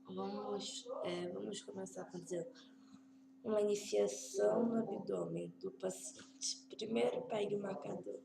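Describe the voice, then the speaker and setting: A woman's voice: mid-range voice, steady tone, measured pace, creaky. A woman doing let's play commentary, squeamish, exclaiming often and reading game prompts aloud. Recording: roomy echo.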